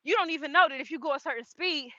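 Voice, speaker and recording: A woman's voice: sits high, fast, pushed and bright, no room sound, lo-fi sound. A woman, chatting about her faith in a casual walk-and-talk vlog. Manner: chatty, faith-focused, laughs often. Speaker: vlogger. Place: outdoors on a walk.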